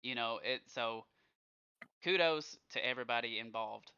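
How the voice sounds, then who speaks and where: A man co-hosting a podcast in casual chat, encouraging and quick to give shout-outs. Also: medium pitch, clean tone. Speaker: podcast co-host. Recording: dull lo-fi sound.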